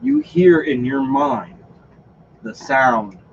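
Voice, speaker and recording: A man's voice: mid-range voice, slow pace, creaky. A man running a tabletop game as game master, narrating scenes with dramatic pacing. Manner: lively, dramatic narration with laughter. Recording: dull lo-fi recording with background noise.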